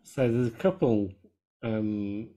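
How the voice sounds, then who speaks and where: Laid-back low-voiced man, casual chat. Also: animated, takes it slowly, warm tone. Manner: laid-back, swears casually, trails off with ums. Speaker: podcast co-host. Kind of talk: casual chat about music.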